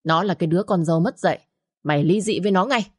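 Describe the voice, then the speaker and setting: A harsh older mother-in-law who shouts and scolds, voiced by a woman in a storybook reading. The voice is low and dark, pushed higher and faster when she rages. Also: lively intonation. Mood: furious scolding.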